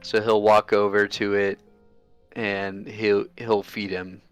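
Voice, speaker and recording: A man playing a tabletop game, calm and matter-of-fact. His voice sits on the low side and sounds smooth and resonant. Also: slow pace, no echo, faint music behind. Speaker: player. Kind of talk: casual tabletop game talk.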